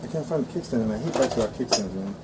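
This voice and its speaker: A man spins a profanity-laced story in a loose, animated way while tinkering with a bike. His voice sits at an ordinary middle pitch. Clear vehicle noise hums behind him outdoors. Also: very fast. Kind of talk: casual storytelling vlog.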